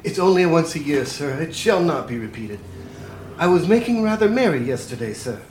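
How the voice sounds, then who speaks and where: A man playing a meek, tender, humble clerk in a live radio play, soft-hearted and apologetic. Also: a little high, very animated, moderate pace, a little hiss or hum. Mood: sheepish.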